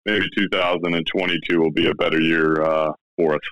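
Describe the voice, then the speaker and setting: A man's voice: sits low, little pitch movement, a little fast, clean tone, dry recording, dull audio. A man giving basketball predictions as a guest, hesitant with many fillers. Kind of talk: casual sports chat.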